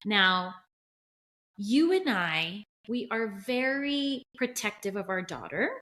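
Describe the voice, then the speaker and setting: A woman's voice: mid-range voice, big pitch swings, slow pace, fairly bright tone. A middle-aged woman co-hosting a podcast, telling a family story in an earnest way. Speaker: podcast co-host. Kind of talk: casual chat.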